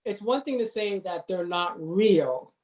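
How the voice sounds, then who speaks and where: A podcast host in a casual interview, gently probing and questioning the guest's wording. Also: mid-range voice, lively intonation, unhurried, a loud crowd.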